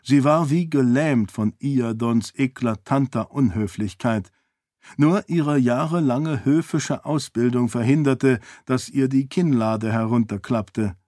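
A man narrates a fantasy audiobook in a measured, even voice of middle pitch. The recording is dry and close, with no room sound. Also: no echo. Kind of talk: scripted narration.

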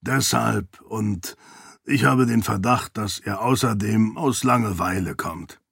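A man voicing a stout, shrewd older uncle in an audiobook, with a deep, raspy voice and a wry way of explaining. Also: takes it slowly, a bit bright, dry recording, studio quality, full character voice.

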